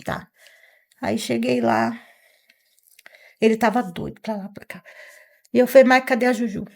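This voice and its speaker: A woman's voice: on the high side, normal speed, creaky, a little mellow. A middle-aged woman with an interior São Paulo Brazilian accent, a grieving mother telling what happened in an emotional, rambling testimony full of quoted dialogue and "né?" tags. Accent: Brazilian Portuguese, São Paulo interior. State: distressed, nervous. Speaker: mother of the victim. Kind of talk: emotional first-person testimony.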